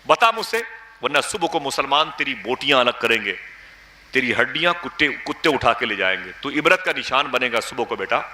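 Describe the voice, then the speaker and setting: A man voicing an angry male villager who loudly rebukes and threatens a cleric, in an echoey room. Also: mid-range voice, big pitch swings, a little hiss or hum. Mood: threatening.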